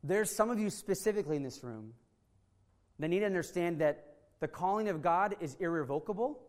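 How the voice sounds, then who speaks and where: A man's voice: high voice, lively intonation, fairly quick. A man preaching a sermon as pastor of a church, earnest and emotional, building to passionate outbursts. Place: church room.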